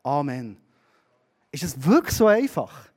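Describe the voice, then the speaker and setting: Speaking at normal speed in a fairly high voice, a middle-aged Swiss German-accented preacher tells stories lively in his sermon. He alternates between booming and hushed tones.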